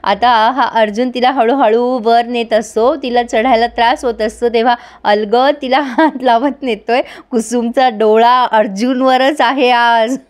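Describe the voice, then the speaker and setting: A woman narrating a chatty episode recap in a lively way, talking directly to the viewers. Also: fairly high pitch, unhurried, few pauses.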